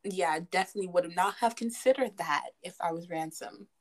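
A young adult woman in a casual chat about a movie. She is animated and stumbles over her words when excited. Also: fairly low pitch, a little fast.

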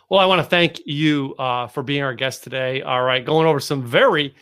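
A man's voice: medium pitch, fairly bright tone, clean tone. A man hosting a podcast interview, chatting casually and rambling through stories with restarts and chuckles. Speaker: podcast host. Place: Dallas area.

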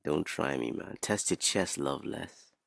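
A man's voice: a bass voice, unhurried, vocal fry, fairly bright tone, dry recording, clean studio sound. A man, bantering cockily in street slang and swearing as a podcast host. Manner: cocky, swearing.

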